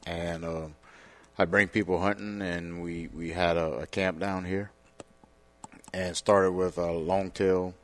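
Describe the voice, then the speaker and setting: A man, a podcast guest talking in a relaxed way, halting with many fillers. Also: sits low. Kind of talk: casual interview talk.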